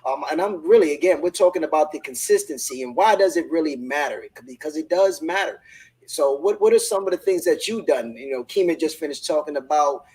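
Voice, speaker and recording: A man's voice: fairly high pitch, brisk, darkish tone, breathy edge, rough recording. A man hosting a live online business discussion, talking in an enthusiastic, motivational way and often repeating words as he starts a thought. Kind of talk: casual group discussion.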